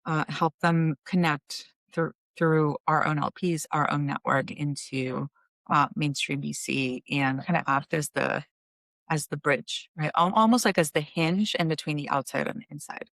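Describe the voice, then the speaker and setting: A woman in her forties from Costa Rica, a venture fund founder, telling her story in a relaxed interview with fillers. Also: deep voice, unhurried, no echo. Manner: thoughtful, fluent storytelling with fillers. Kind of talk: casual interview talk.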